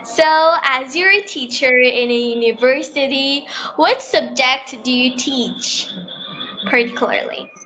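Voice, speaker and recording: A young speaker from Bangladesh, still in school, eagerly hosting an English conversation practice call. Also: female voice, high-pitched, unhurried, noisy background. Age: child in sixth class. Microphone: online call.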